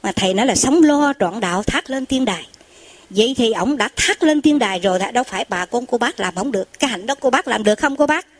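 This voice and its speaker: A woman preaches in a homely storytelling way, slipping into the voices of her characters. Her voice sits a little high. The sound is dry and close, with no room around it. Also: quick pace, dry recording. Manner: folksy, animated storytelling with quoted voices. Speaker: Buddhist lay preacher. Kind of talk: storytelling sermon.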